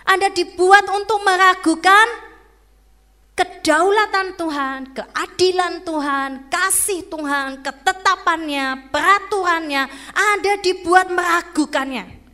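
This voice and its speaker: Brief: woman evangelist, conversational sermon, bright tone, long hall reverb. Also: very high-pitched, slow. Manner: emphatic, conversational, asks the audience questions. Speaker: evangelist preacher.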